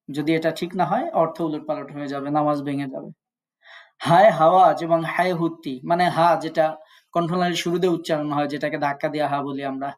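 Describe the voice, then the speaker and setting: A man teaching an online tajweed class. He explains step by step and sounds out Arabic letters to contrast them. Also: on the high side. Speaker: Quran recitation teacher.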